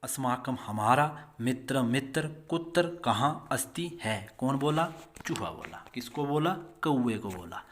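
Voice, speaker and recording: A male school teacher giving a recorded lesson, reading each line of a text and then explaining it slowly and patiently, with many repetitions. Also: mid-range voice. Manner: slow, patient, repeats each line in translation.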